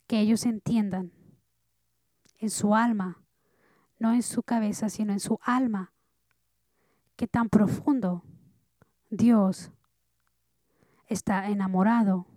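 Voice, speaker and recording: A woman pastor preaching a sermon earnestly, dropping soft and then rising loud. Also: mid-range voice, fairly even intonation, slow, pauses often, no room sound.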